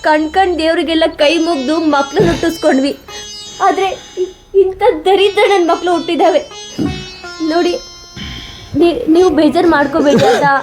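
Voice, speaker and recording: A woman's voice: extremely high pitch, normal speed, long pauses, darkish tone, soft background music. A woman acting a grieving rural mother pleading with her son. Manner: pleading, sorrowful.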